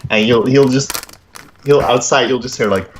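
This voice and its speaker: A man's voice: medium pitch, moderate pace, very noisy. A man in casual chat, rambling through a story with lots of swearing and laughter.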